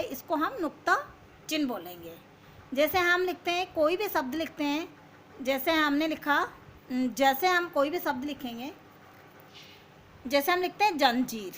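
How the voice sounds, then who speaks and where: A woman's voice: sits high, fairly bright tone, slight background noise. A woman teacher giving a grammar lesson to young children, asking questions and answering them herself.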